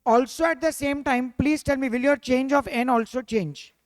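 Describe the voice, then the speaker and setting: This finance teacher speaks with an Indian accent in a high voice at normal speed, with no room sound. The revision lecture is interactive, full of questions put to students, with a Hindi interjection thrown in now and then.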